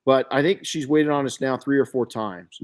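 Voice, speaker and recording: An older man hosting a podcast, telling stories in an animated way with frequent restarts. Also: mid-range voice, moderate pace. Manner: animated storyteller with many restarts. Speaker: podcast host. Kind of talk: casual podcast chat.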